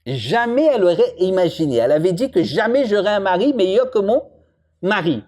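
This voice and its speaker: A man's voice: sits high, brisk. A man giving an informal religious lesson, joking with the audience and putting questions to it. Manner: lively, jokes with and questions the audience. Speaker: imam teaching a religious lesson.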